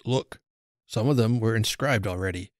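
A man's voice: on the low side, moderate pace, dry recording, studio quality, natural voice. A man voicing a sorrowful, frail old Father Christmas who talks in a trembling, mournful and pleading way. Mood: sad.

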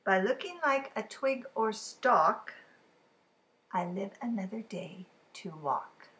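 Indoors in a home living room, a fifty-something woman with a mid-range voice performs riddle poems for kids at storytime. She reads with deliberate expression and chats with her audience between lines, and the room audio is noticeably noisy.

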